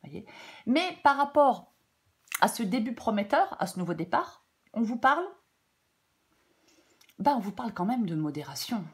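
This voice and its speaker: A woman with a cold-blocked nose gives casual, off-the-cuff tarot guidance in a halting, chatty way. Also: on the high side, big pitch swings. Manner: halting, self-interrupting, chatty asides. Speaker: tarot reader.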